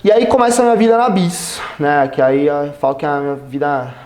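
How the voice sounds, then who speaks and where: Brazilian guy, podcast guest, slangy and animated, acts out dialogue, slightly high voice. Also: a little fast. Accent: Brazilian Portuguese. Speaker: guest, company executive. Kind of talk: casual storytelling interview.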